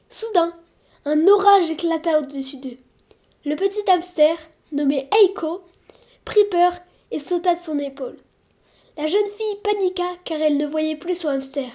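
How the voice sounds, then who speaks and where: A woman narrating a children's storybook in a lively, expressive way. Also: extremely high pitch. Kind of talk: storybook reading.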